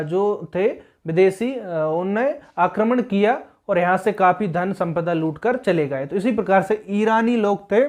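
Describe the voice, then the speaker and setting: Male tutor, exam-prep grammar lesson; patient, explanatory, drills key points. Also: high-pitched. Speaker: teacher.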